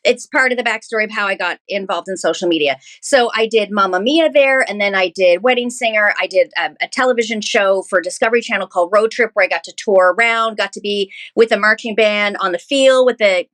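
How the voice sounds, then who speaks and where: A woman's voice: mid-range voice, brisk, a bit bright. A woman from Canada telling stories as an interview guest in a casual, chatty way. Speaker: guest, musical theatre performer and content creator.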